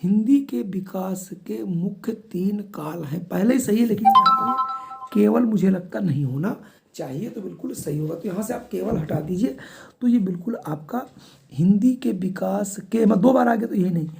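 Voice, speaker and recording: A male teacher working through exam questions, reading each sentence out slowly and then calmly correcting it. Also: sits high, creaky. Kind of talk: exam-prep lesson.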